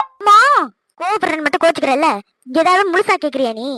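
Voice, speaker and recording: A woman voicing a cheeky young daughter in a cartoon, quick, pleading and exasperated. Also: sits high, steady tone, over loud music, natural voice. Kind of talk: cartoon voice acting.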